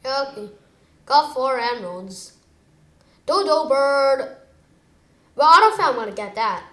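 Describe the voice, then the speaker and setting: A woman giving chatty, excitable commentary while playing a video game, switching between low muttering and sudden exclamations. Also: measured pace, echoey room. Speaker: gamer. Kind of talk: gameplay commentary.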